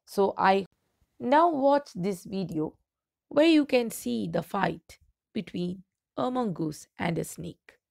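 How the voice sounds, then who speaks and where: A slow, careful woman teacher reading aloud to her class. She takes her time over each phrase, pausing to explain word meanings in a plain, mid-pitched voice. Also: expressive, a little mellow. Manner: slow, deliberate, clear reading with pauses between phrases. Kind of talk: reading a story aloud and explaining vocabulary to students.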